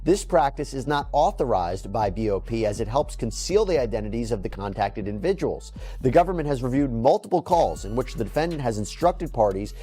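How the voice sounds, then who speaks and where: A male commentator reads legal material aloud and explains it for a news audience. His mid-pitched voice moves in lively swings, over faint music. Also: a little fast, few pauses.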